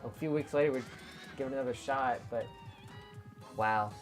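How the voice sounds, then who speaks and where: A woman's voice: very deep voice, moderate pace. A woman hosting a casual let's play, chatting as she goes. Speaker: gaming host. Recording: game music behind voice. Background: video game music.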